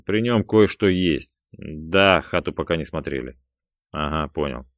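Man voicing a calculating gangster, dry, curt, mocking, deep voice, dead-dry sound. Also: animated, a little slow, no room sound. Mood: deferential. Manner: dry, curt, mocking, snapping when angry. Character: cool, calculating male gangster boss of the pair.

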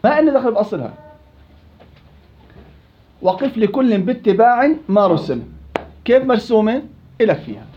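A man's voice: high voice, very animated, normal speed, long pauses, lo-fi sound, slight background noise. A man teaching a Quran recitation class, quizzing students by name and teasing them. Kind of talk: interactive classroom lesson.

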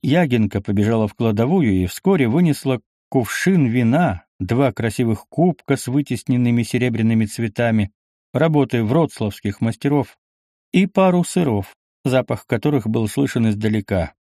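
A man reading a historical novel aloud as audiobook narration, steady and measured. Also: mid-range voice, no echo, studio quality.

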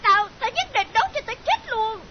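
A man voicing a frantic young woman friend in a squealing falsetto, in a dull lo-fi audiobook recording. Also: big pitch swings, normal speed, a little hiss or hum. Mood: panicked. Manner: squealing falsetto, panicked cries.

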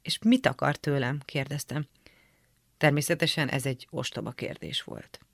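A woman calmly reading a memoir excerpt aloud in a measured, literary radio style. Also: extremely low pitch, creaky, no echo, studio quality.

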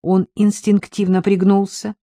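An audiobook narrator reading an action novel in an even, steady way. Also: medium pitch, unhurried, no echo, clean studio sound.

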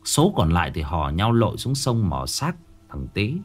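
A man's voice: deep voice, big pitch swings, normal speed. A man narrating a ghost story in a dramatic storytelling manner.

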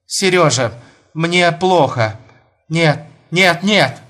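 A man's voice: a little high, lively intonation, very slow, fairly bright tone, voice pushed up, exaggerated voice. A man voicing a distraught middle-aged mother who pleads and repeats herself. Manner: pleading, repetitive.

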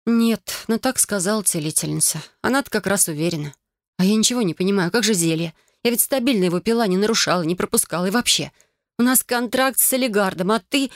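A woman voicing a young, quick-tempered heroine who answers in lively, exasperated retorts, higher than her narration. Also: no room sound, studio quality, lightly acted. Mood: stubborn.

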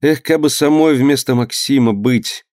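A man's voice: mid-range voice, a little mellow, dry recording. Brief: a male narrator reading a dramatic tale evenly, dry and close to the mic. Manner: measured, dramatic reading that voices the figures. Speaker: audiobook reader. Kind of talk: storytelling narration.

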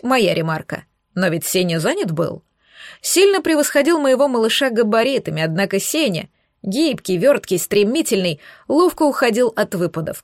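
A woman narrating a fantasy audiobook in the first person, reading in a lively, dramatic way. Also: medium pitch, no room sound, studio quality.

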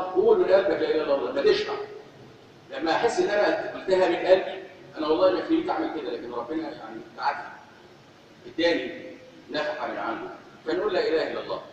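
Fervent Egyptian preacher in echoey hall. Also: male voice, a little high, darkish tone, a little hiss or hum. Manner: fervent, repeating phrases for emphasis. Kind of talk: sermon. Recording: echoey hall, distant, dull.

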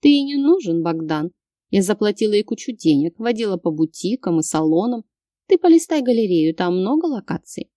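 A woman's voice: medium pitch, big pitch swings, moderate pace, mellow, no echo, clean studio sound. A woman reading an audiobook, voicing a scheming wife with a sing-song, mocking manner.

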